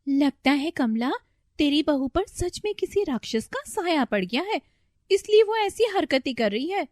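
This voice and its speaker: A meddling, superstitious neighbor lady from a storybook cartoon, as a woman puts her on. She sounds high and bright as she gives her confiding advice. The sound is close and dry. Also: big pitch swings, a little slow, dry recording. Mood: conspiratorial. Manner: confiding and advising. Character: gossipy middle-aged female neighbor, meddling and superstitious.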